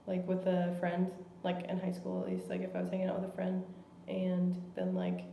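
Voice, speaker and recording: A woman's voice: lowish voice, completely flat delivery, moderate pace, gravelly, mellow, a little hiss or hum. A young woman answering interview questions casually, filling her speech with "like". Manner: casual, lots of 'like'. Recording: echoey room.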